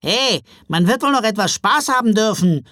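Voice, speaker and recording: A man voicing a tiny, cheeky Christmas elf who complains loudly and indignantly, in a storybook reading. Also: sits high, expressive, normal speed, no room sound, clean studio sound, pitched above the performer's own voice. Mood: complaining. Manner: indignant, whiny, loud.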